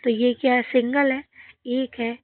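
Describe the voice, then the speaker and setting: A woman's voice: a little high, level tone, a little slow, dry recording. A woman teaching a children's English grammar lesson, asking questions and answering them herself, repeating the key words. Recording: dry, phone-like audio.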